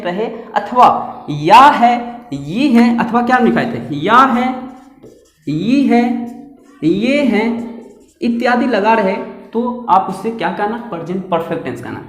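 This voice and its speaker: A man's voice: sits high, lively intonation, moderate pace, faint music behind. A man teaching English grammar at a board, repeating points and putting questions to his class. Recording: echoey room with long reverb.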